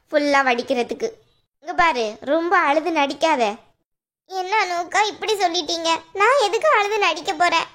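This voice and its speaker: Woman voicing a very high, scornful young woman. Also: a bit bright. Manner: scornful, quarrelsome. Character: sharp-tongued young woman accusing her in-law. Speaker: cartoon voice actor. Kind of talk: Tamil cartoon drama dialogue.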